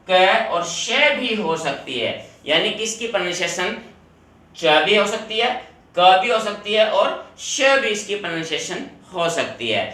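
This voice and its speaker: Echoey teacher explaining rules. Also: male voice, sits high, pushed and bright, far from the mic. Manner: explains step by step, repeats rules, addresses students directly. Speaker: English teacher. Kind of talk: classroom video lesson. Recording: very echoey room, voice off-mic.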